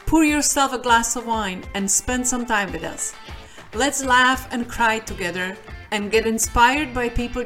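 A woman with a Czech accent hosts a podcast in a fairly high voice, upbeat and inviting as she leans into her words. Faint music sits under her. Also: a bit bright. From Czech Republic. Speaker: podcast host. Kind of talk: podcast interview with scripted intro.

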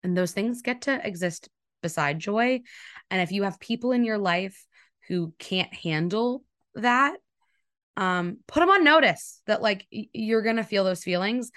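A woman's voice: fairly low pitch, a bit bright, clear, resonant tone, no room sound, clean studio sound. A woman with a Southern US accent in her thirties, hosting a casual solo podcast as a wedding photographer, talking candidly and swearing freely. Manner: candid, chatty, swears freely, acts out quotes.

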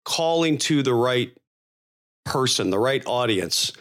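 A man's voice: medium pitch, animated, takes it slowly, fairly bright tone. A man co-hosting a podcast in casual conversation, wordy and thinking aloud as he goes. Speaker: podcast co-host.

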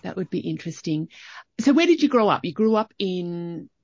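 A woman's voice: fairly low pitch, big pitch swings, normal speed, a little mellow, no room sound, muffled recording. A woman with an Australian accent hosting a casual podcast chat, effusive and enthusiastic. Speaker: podcast host.

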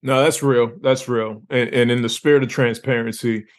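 Relaxed slangy male interview host. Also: medium pitch, normal speed. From Lawrence, Massachusetts, USA. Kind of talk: casual interview chat.

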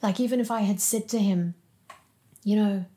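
A woman giving an emotional personal testimony as a podcast guest, speaking haltingly with restarts and some soft, whispered moments. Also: medium pitch, steady tone.

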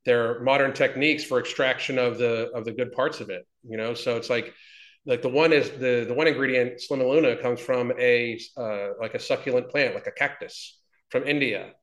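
A man's voice: medium pitch, steady tone, moderate pace, fairly bright tone. Blunt, profane man in his fifties, echoey room. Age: 50s. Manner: blunt and profane, rambling with many restarts. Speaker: interview guest, fitness business owner. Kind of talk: casual interview talk.

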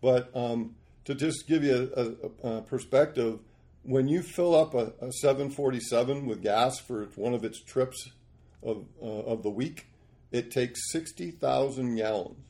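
A man in his sixties, a podcast guest, telling rambling, animated stories about his life. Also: mid-range voice, unhurried. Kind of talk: storytelling interview.

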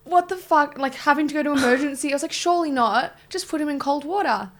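A woman's voice: sits high, quick pace. A young woman, co-hosting a podcast in casual, blunt chat and swearing casually. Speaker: podcast co-host.

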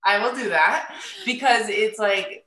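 Woman, bright voice, podcast guest, chatty and expressive, noticeably echoey room. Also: medium pitch, measured pace. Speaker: podcast guest, feeding therapy business owner. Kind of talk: casual interview chat. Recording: echoey, roomy sound.

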